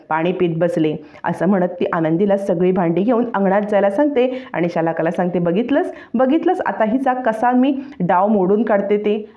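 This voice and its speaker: A woman narrating a television serial recap as a story, voicing each character's lines in turn with animated delivery. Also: fairly high pitch. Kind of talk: dramatic story retelling with voiced dialogue. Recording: dull lo-fi sound.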